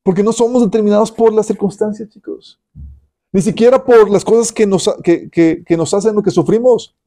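A youth pastor with a high voice preaches a sermon to young people at normal speed. He is animated and speaks straight to his listeners, asking them rhetorical questions.

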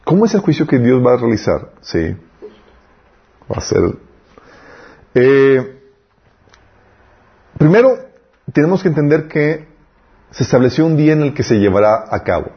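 A man's voice: mid-range voice, big pitch swings, a little slow, long pauses, husky, highs cut off. A man teaching an informal Bible class in a conversational way, often checking with the class for agreement. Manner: conversational, asks the class for confirmation.

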